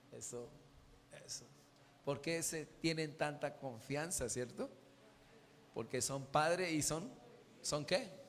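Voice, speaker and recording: Un pastor de voz alta predica en una iglesia con eco largo, haciendo preguntas a la congregación y animándola a responder. Su tono es enérgico y cambiante, y la sala resuena detrás de cada frase. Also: male voice, a little high, in a large hall. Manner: questioning the congregation, animated preaching. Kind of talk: sermon. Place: church.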